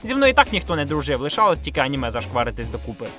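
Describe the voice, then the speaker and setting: A man who grew up in a Ukrainian village narrates a scripted video review over background music, blunt, sardonic and self-deprecating, with slang and swearing. His mid-range voice is very animated, rapid-fire and sharp.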